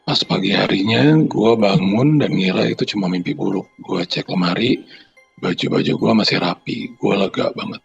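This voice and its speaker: A man with a deep, rough, gravelly voice reads a listener's horror story on a podcast. His tone is husky and grainy, with faint music playing underneath. He jokes in loose slang between the passages. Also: moderate pace, lo-fi sound. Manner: banters in slang, then reads steadily with sound effects. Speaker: podcast co-host reading listener horror stories. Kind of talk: casual chat and reading a horror story aloud.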